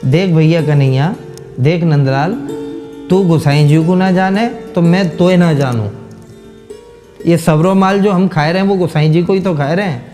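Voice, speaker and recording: A man's voice: fairly high pitch, normal speed, music in the background, lightly acted. A man voicing a simple-hearted cowherd who speaks in a hurt, sulky way with a rustic Braj accent.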